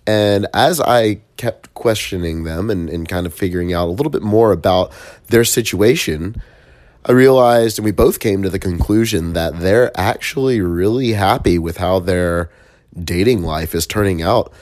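A man's voice: sits low, normal speed, darkish tone, dry recording. A man with a nasal, congested voice from a stuffy nose, giving a casual, earnest motivational monologue as a host and coach.

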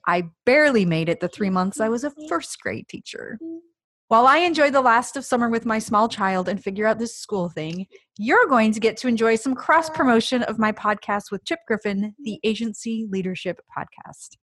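A woman co-hosting a podcast in casual chat, talkative and quick to laugh. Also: a little high, expressive, a bit bright, dry recording. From United States. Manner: chatty, laughs easily. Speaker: podcast co-host.

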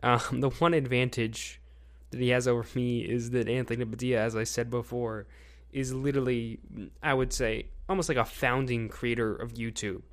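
Male podcast host, young adult, medium pitch, informal and rambling, feels unscripted. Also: fairly even intonation. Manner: rambling, with frequent pauses to think. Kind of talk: casual unscripted podcast commentary.

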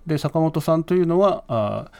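A man's voice: on the high side, lively intonation, normal speed, gravelly, darkish tone. A man speaking as a guest in a radio interview, thoughtful and hesitant, with many fillers and restarts. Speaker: guest, news department head.

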